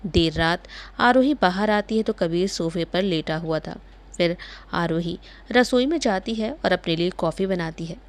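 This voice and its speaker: A woman narrates a scripted romantic story, reading every character's part in her own voice and lifting her pitch for the dialogue.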